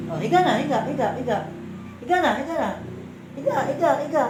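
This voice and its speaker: A woman filming a casual home vlog on her phone, coaxing her cat with drawn-out calls and soft murmurs. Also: high-pitched, lively intonation, distant mic. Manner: coaxing, sing-song calls and hushed murmurs to a pet. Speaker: vlogger. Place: room at home. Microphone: phone camera. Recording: echoey room with clear background noise.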